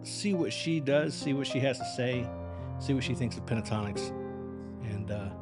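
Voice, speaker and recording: A man hosting a reaction livestream, chatting casually and unscripted in a halting, rambling, conversational way. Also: medium pitch, over loud music. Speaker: live-streaming reaction channel host.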